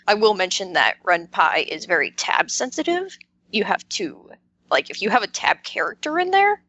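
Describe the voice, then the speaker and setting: A woman who makes visual novels sits on a podcast roundtable, chatting casually and explaining things informally while often interrupting herself. Her voice is lowish and sharp in tone, and the audio quality is poor.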